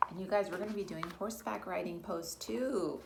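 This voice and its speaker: Her voice is fairly low and creaky, moving fairly quickly against a noisy background. She's a yoga teacher hosting a virtual storytime at home, reading a picture book to young children and addressing them directly as friends.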